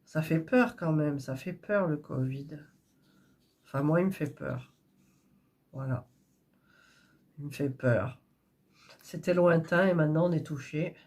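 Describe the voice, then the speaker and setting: A woman's voice: low voice, measured pace, pauses often, a little mellow. A woman with a stuffy nose, chatting in a rambling, casual way while preparing embroidery threads. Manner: chatty, rambling, with frequent fillers and restarts. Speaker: cross-stitch crafter vlogger.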